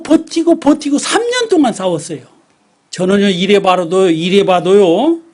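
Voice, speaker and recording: A man in his sixties from Namwon with a Jeolla dialect accent, a pastor preaching a Sunday sermon and telling his own testimony in an animated storytelling way. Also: sits high. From Namwon, South Korea. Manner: animated storyteller who acts out his own past outbursts.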